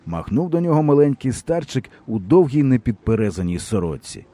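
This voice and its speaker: Expressive male audiobook narrator. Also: mid-range voice, a little fast. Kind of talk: scripted narration of a historical novel.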